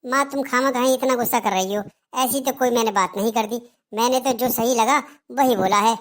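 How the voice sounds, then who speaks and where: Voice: medium pitch, brisk, a bit bright, natural voice. A voice actor playing a grown son in a Hindi cartoon, reasoning and pleading with his mother.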